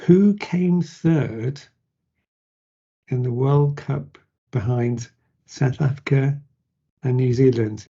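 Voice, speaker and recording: A podcast host conducts a conversational interview, tossing out casual, joking questions. His mid-range voice is mellow and slow, with long pauses, and the recording has a dull lo-fi sound.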